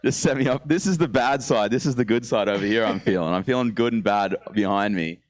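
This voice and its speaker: A young Australian man, appearing as a guest comedian, tells loose, profane stories in a casual stand-up chat. His voice is on the low side and fairly quick, and he's laid-back, swearing and laughing mid-story.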